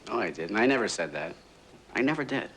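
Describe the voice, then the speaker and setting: An actor playing a defensive, indignant husband denying an accusation, heard from a worn tape copy of a film. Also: male voice, fairly low pitch, sing-song, fairly quick, fairly bright tone, a little hiss or hum. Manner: indignant, swinging from scoffing to insistent.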